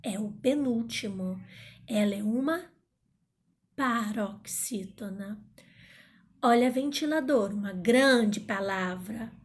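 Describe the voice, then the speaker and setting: A woman teaching a grammar lesson in a playful manner, sometimes calling out words loudly to find the stressed syllable. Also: fairly high pitch, takes it slowly.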